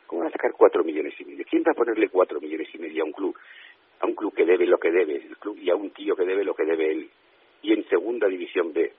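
Deep, raspy Spanish man on a phone line. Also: expressive, quick pace. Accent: Spain. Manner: indignant, emphatic, repeats himself. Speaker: interview guest. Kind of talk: phone-in radio interview. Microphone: telephone.

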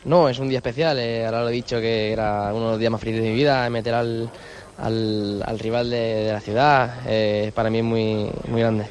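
A man in his twenties, a footballer, giving a modest, halting post-match interview with repeated words. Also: medium pitch, level tone. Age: 20s.

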